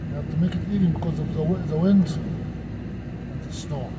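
A man with a fairly high voice talks from inside a truck cab, filming on his phone. He explains things patiently and haltingly, restarting his sentences often. Loud engine and yard noise rumble behind him. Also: steady tone, highs cut off. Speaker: truck driver vlogger. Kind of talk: casual commentary while filming.

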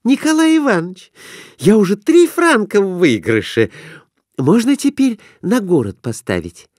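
A man voicing an excitable young married woman who is gambling, with high squealing exclamations. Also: normal speed, dry recording, studio quality. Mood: excited.

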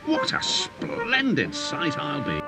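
A man's voice: on the high side, huge pitch swings, slow, vocal fry, full character voice. A grumbling male engine complains that he deserves more, eager and greedy, as a man puts him on. His voice swoops widely, over a music bed.

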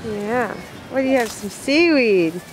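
A woman filming a home video at the beach, coaxing a toddler in a gentle sing-song. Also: a little high, lively intonation, measured pace. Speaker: adult filming a child. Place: sunny beach outdoors. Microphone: camcorder mic, speaking from behind the camera. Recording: wind noise on a home camcorder.

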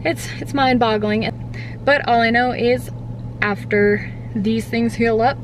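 A woman in her twenties, a little puffy-cheeked after wisdom teeth removal, chatting casually to camera in a halting, filler-heavy way that often trails off. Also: fairly high pitch, fairly even intonation, poor audio. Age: 20s. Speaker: vlogger. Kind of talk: casual rambling vlog to camera. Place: inside a parked car. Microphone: camera or phone at arm's length on the dashboard. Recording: car interior with clear background hum.

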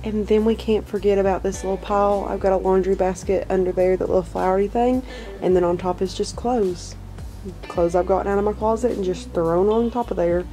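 A woman's voice: medium pitch, fairly even intonation, brisk, warm tone, faint music behind. A young woman with a Southern US accent, chatting candidly and reassuringly to camera in her messy bedroom. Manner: candid, self-conscious and reassuring. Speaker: vlogger. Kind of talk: casual chat to camera. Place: cluttered bedroom indoors. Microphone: camera mic at close range.

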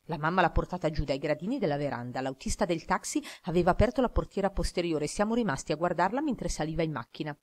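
A woman narrating an audiobook in a steady, even storytelling manner. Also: sits low, quick pace, few pauses. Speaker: audiobook reader.

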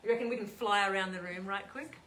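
A woman's voice: medium pitch, fast, fairly bright tone, a little hiss or hum. An Australian woman hosting a sing-along, chatting casually and giggling as she introduces the people in a room with a piano. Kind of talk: casual chat between hymns. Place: room with a piano and a small group. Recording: echoey room with music.

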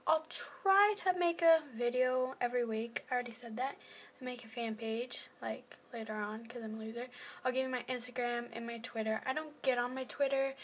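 A teenage girl with a fairly high voice rambles to her phone camera at home, filling her talk with "like" and "I don't know". She often drops into a soft half-whisper when she puts herself down. A faint hum of room noise sits behind her. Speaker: first-time vlogger.

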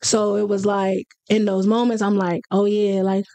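A woman's voice: mid-range voice, flat delivery, moderate pace, dark tone, dry recording. A young woman as a guest on a podcast, chatting casually and laid-back into a studio mic in a small home studio, laughing easily. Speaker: guest musician. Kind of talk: casual interview chat. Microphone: studio mic on boom arm.

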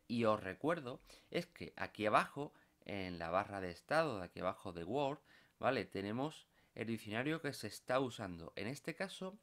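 Patient man teaching software. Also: mid-range voice. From Spain. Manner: patient, explanatory, tags phrases with "¿vale?". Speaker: computer course instructor. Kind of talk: screen-recorded software tutorial.

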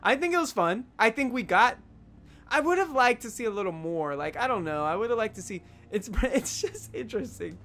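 A man's voice: high-pitched, fairly quick, a little hiss or hum. A young man playing a video game for viewers, joking and reacting as he goes. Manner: jokey, animated, talks to viewers. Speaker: gaming YouTuber. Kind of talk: let's play commentary.

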